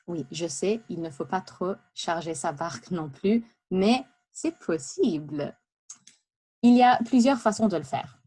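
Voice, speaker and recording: A woman giving a prepared talk, lively and chatty, with many asides and hesitations. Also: on the low side, breathy edge. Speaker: speaker giving a practice talk. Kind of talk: prepared speech for interpreting practice.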